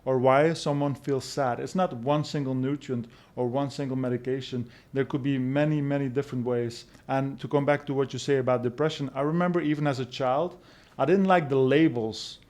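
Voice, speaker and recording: A man in his forties from Belgium, a podcast guest explaining his views in a calm, measured way. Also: medium pitch. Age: 40s. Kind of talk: casual podcast conversation.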